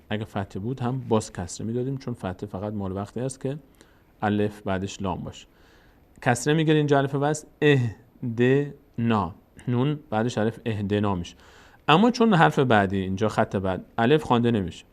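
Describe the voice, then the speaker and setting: A man teaching Quran reading, explaining each letter and vowel mark, then chanting the verses slowly to show the right sound. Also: medium pitch. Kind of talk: recitation lesson.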